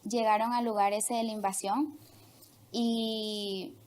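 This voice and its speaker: A woman's voice: a little high, flat delivery, slow, a little mellow. A young woman from Honduras, a guest telling her life story in an interview, speaking hesitantly with many fillers. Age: young adult. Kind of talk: testimony interview.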